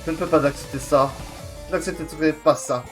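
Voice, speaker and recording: A man's voice: on the high side, steady tone, brisk, fairly bright tone, faint music behind, close to an everyday voice. Haughty woman queen, voiced by a man, theatrical, imperious, video game dub. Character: haughty, vain woman queen who scorns commoners.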